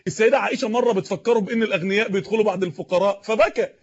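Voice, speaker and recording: A man's voice: sits high, rapid-fire. A man with an Egyptian accent preaching a sermon, impassioned, with rhetorical repetition. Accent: Egyptian Arabic. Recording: dull lo-fi recording.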